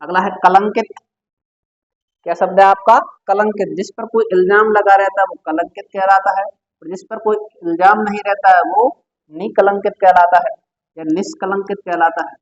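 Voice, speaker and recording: Male tutor, high-pitched, drilling students with repeated questions; muffled lo-fi recording. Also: fairly even intonation, moderate pace. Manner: quizzing the listener with repeated questions. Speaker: teacher. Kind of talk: exam-prep Hindi vocabulary lesson. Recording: dull lo-fi sound.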